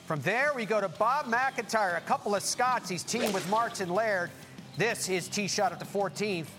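A man working as a golf commentator, hosting highlights in punchy, presenter-like short phrases. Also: moderate pace, over music.

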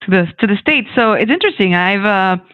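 Lively man from the Dominican Republic on a phone-like line. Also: sits high, a little fast, clear, resonant tone. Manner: animated, many restarts and fillers. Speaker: guest, technology executive. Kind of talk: conversational interview.

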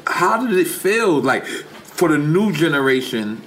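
East coast host, 38, super animated voice that swoops all over, cuts in a lot. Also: male voice, a little high, measured pace, a little hiss or hum, poor audio. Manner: animated, interjecting. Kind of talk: casual chat.

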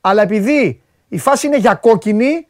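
A man's voice: high-pitched, animated, no echo, clean studio sound. A man hosting a sports show, chatting casually, joking and repeating words for emphasis.

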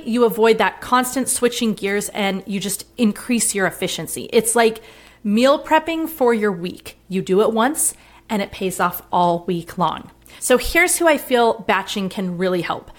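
Upbeat woman giving advice, higher-pitched voice. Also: expressive, measured pace. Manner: upbeat, encouraging, tidy explanatory delivery. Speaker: podcast host and coach. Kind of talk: upbeat advice podcast and class promo.

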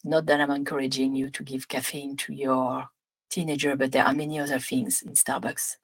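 A woman with a French accent hosting an advice podcast, talking gently with restarts, then guiding a slow breathing exercise. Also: extremely low pitch, flat delivery, husky, rough recording. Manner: gentle, warm, meandering with restarts. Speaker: podcast host. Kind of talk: casual advice podcast with guided visualization.

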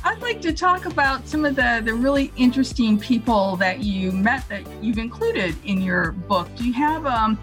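A woman's voice: fairly high pitch, expressive, normal speed, few pauses, fairly bright tone, faint music behind. A woman co-hosting a podcast and chatting with a guest in a conversational interview.

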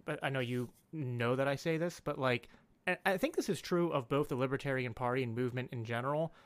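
A man's voice: medium pitch, fairly quick. A man in a casual political discussion, rambling with many fillers and restarts. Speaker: podcast guest.

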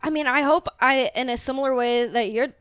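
A woman's voice: high-pitched, brisk, a bit bright, smooth, no room sound, studio quality. A woman stand-up comedian on a talk show, speaking in a friendly, somewhat hesitant way.

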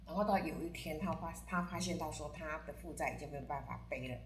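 A woman with a Taiwanese Mandarin accent, a podcast guest telling lively stories and mixing in Taiwanese Hokkien words. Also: low-pitched, fast talker, reverberant, slight background noise. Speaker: guest telling stories about friends and astrology. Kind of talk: casual podcast storytelling.

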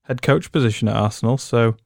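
A man hosting a football podcast, steering the chat with steady questions and stats. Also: mid-range voice, a little fast, vocal fry, no echo, clean studio sound. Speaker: podcast host. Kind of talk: casual sports chat.

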